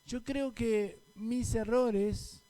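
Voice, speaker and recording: A man's voice: very high voice, steady tone, extremely slow, dark tone. A man with a Rioplatense Spanish accent, a pastor preaching a conversational sermon and asking the congregation questions. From Argentina.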